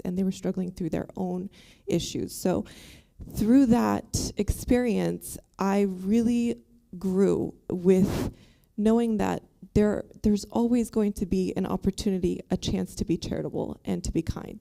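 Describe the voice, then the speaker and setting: Gravelly dark-voiced woman from Bosnia. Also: mid-range voice. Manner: earnest, a bit nervous, with ums. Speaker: panel guest telling her conversion story. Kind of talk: personal testimony.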